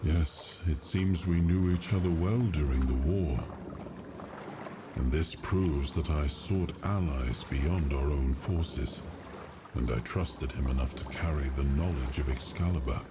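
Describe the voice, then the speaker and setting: An actor playing a solemn, brooding man with a clouded memory, speaking gravely and slowly in a video game. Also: extremely low pitch, background noise. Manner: slow, grave, measured. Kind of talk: video game character acting.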